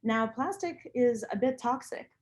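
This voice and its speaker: A woman's voice: on the high side, expressive, measured pace, a little mellow. Earnest woman. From Lithuania. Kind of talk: casual conversation about personal views.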